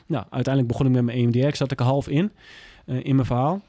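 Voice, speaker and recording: Man, blunt plain talk, some cursing, mellow dark voice, dry close sound. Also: medium pitch, fairly even intonation, racing, dry recording. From Groningen. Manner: blunt and plain-spoken, with frequent swearing. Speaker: guest, former police officer. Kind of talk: candid interview talk.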